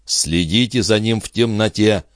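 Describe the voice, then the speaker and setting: A man's voice: on the low side, moderate pace, no room sound, studio quality, voice pushed up, lightly acted. A man voicing a stern, commanding male physician in an audiobook. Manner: firm, commanding.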